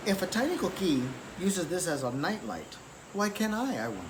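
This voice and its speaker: A male story reader whose voice sits high reads a children's picture book aloud in an expressive, deliberate way, and the recording has a clearly noisy background.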